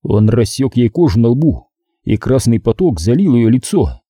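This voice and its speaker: Dark, husky male thriller narrator. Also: medium pitch, sing-song, normal speed, no room sound, clean studio sound. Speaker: audiobook narrator.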